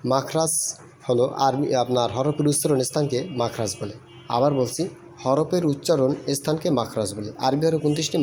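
A man teaches Arabic letters in a recorded lesson. His voice is mellow and dark, at a mid pitch. He drills his students in a slow, sing-song chant, repeating each phrase several times. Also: a little hiss or hum.

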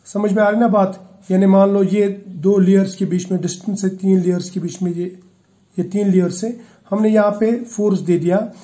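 High-pitched man teaching chemistry. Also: steady tone, moderate pace, mellow. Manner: explains step by step, checks in with "clear?"; mixes English terms into Hindi. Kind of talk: classroom lecture.

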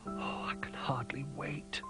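A man's voice: a little slow, in a whisper, loud music behind the voice, lightly acted. A man voicing an eager young male bear cub toy in a storybook. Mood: hushed.

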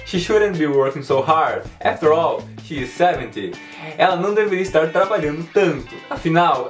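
A man teaching an English lesson, clearly and didactically, repeating words slowly. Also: fairly high pitch, distant mic. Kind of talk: language lesson.

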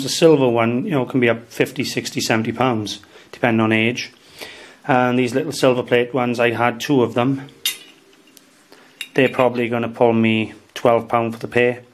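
A Welsh man in his thirties, an antiques dealer, chatting casually at home about his market buys and sprinkling "um" and "guys" through his tips. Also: mid-range voice. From Wales. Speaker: antiques dealer and channel host. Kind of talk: casual show-and-tell vlog. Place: dining room at home, indoors.

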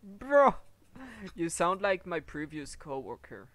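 A young man with a fairly high voice banters over a gaming voice chat while he plays. He teases his friend and laughs a lot, in a loose, casual way. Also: very animated, slow, fairly bright tone. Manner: joking, teasing, laughs a lot. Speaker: gameplay streamer. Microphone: headset or desk mic on voice chat.

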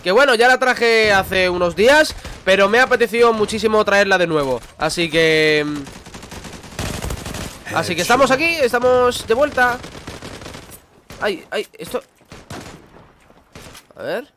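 A man with a Spain Spanish accent giving excitable live gameplay commentary, exclaiming and talking to himself. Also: sits high, moderate pace, slight background noise. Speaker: gaming youtuber. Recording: gameplay audio with gunfire behind. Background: gunfire from the game.

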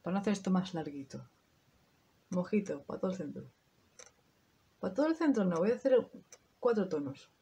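A woman's voice: on the low side, big pitch swings, fairly quick, creaky, pauses often, mellow, husky, lo-fi sound. A woman in her thirties with a Spain Spanish accent, chatting casually to her viewers through a makeup tutorial, swearing now and then. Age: 30s. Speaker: beauty vlogger.

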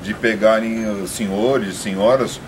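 A man's voice: lowish voice, fairly even intonation, unhurried. A man in his fifties with a São Paulo Brazilian accent, a restaurant owner earnestly explaining to a reporter outdoors, rambling with restarts. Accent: Brazilian Portuguese, São Paulo. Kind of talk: on-the-spot interview. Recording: noisy outdoor field recording.

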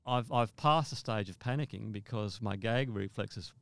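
A man from Australia, a mountaineer guest in an interview, telling a vivid story in a halting way with repeated words. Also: on the low side, vocal fry, clean tone, no echo.

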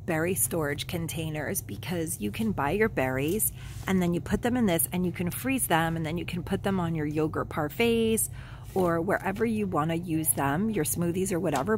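A woman's voice: fairly low pitch, moderate pace, slight background noise. A middle-aged woman giving a gushing, enthusiastic shop-with-me narration, filming on a handheld phone inside a discount store. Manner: gushing, enthusiastic product descriptions. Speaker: shopping vlogger. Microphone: handheld phone camera.

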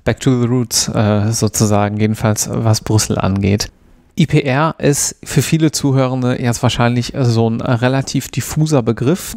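A man's voice: mid-range voice, gravelly, darkish tone, no echo. A man hosting a law podcast, asking questions attentively and acknowledging often. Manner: attentive, many "mhm" acknowledgements. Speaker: podcast host, interviewer. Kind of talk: interview questions.

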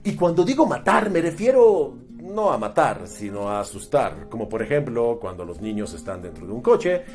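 A man's voice: medium pitch, sing-song, moderate pace, a little mellow, faint music behind. A man with a Mexican accent giving a mocking, exasperated movie review, swearing freely. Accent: Mexican Spanish. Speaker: film critic. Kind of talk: sarcastic movie review rant.

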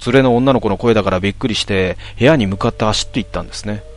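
A man reading a ghost story aloud in a calm, measured storytelling manner. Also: fairly low pitch, faint music behind.

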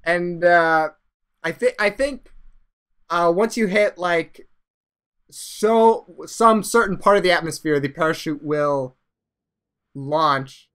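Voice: mid-range voice, slow, pauses often, fairly bright tone, smooth. Rambling let's play commentator. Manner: rambling and self-mocking, trailing off into mumbles. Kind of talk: casual game commentary.

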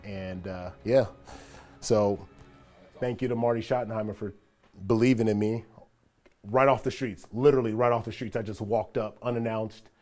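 A man's voice: on the low side, moderate pace. Guy in his 40s, ex football player, chill storytelling on a walking tour, faint music behind. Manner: relaxed, reflective, animated when greeting a friend. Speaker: former football player giving a stadium tour. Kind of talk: casual storytelling walk-and-talk. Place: empty locker room, then an empty open-air stadium.

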